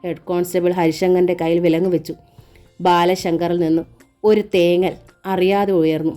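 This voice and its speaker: A woman narrating a novel aloud in a steady, measured storytelling manner. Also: on the low side, clear, resonant tone, faint music behind.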